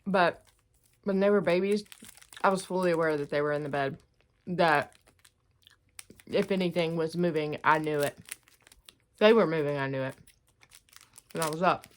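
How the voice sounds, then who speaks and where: Middle aged lady doing a mukbang, kinda low voice, chewing loudly while she talks, wrappers crinkling. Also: moderate pace, pauses often. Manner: chewing noisily while talking, mouth often full. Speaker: host of an eating video. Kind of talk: casual mukbang chat to camera, commenting on a news story.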